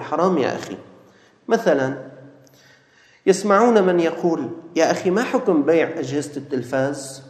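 A man delivers a sermon in a slightly raised voice, turning to his listeners as brothers and mimicking quick blunt replies. The recording carries heavy room echo with a long reverb tail, like a large hall. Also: on the high side, darkish tone. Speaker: preacher.

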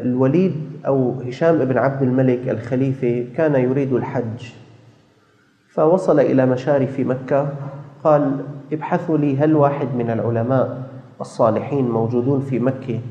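A man's voice: mid-range voice, dark tone. A man preaching a sermon, telling stories and acting out dialogues as he exhorts his listeners. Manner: storytelling, quoting dialogues, exhorting. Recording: echoey hall, dull lo-fi sound.

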